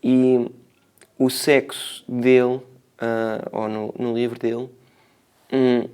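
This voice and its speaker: A man's voice: mid-range voice, flat delivery, slow, a little mellow, clear, resonant tone. A man with a European Portuguese accent answering interview questions as a filmmaker, reflective and hesitant, searching for words and adding tag questions.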